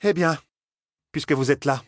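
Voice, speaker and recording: A man's voice: on the high side, fairly quick, dry recording, clean studio sound, voice pushed up, lightly acted. A man doing a stern, haughty sorceress woman. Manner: stern and commanding.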